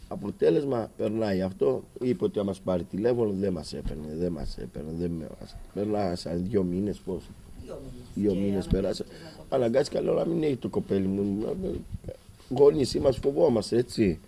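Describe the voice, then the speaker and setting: A father of a patient, speaking with a Cretan accent, tells his story to a reporter in an agitated way, acting out past conversations with rising intensity. His voice is lowish, creaky and warm, with slight background noise.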